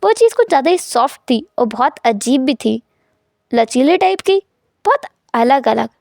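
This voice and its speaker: High-voiced woman narrating a story. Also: moderate pace, creaky, no room sound, studio quality. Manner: chatty, expressive narration. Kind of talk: storytelling fan fiction narration.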